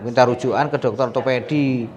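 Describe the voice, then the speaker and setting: Man, massage therapist; mid-pitched, chatty explainer with sympathetic exclamations. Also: fairly even intonation, fairly quick, a little mellow. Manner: chatty, alternates coaxing the patient and addressing viewers. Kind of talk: explaining to viewers while treating a patient.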